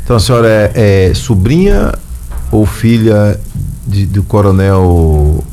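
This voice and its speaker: A man's voice: lowish voice, expressive, unhurried, warm tone, faint music behind. A man hosting a radio talk show, chatty and folksy, often tagging his sentences with a questioning "né". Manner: chatty and folksy, tags lines with "né?". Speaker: radio host.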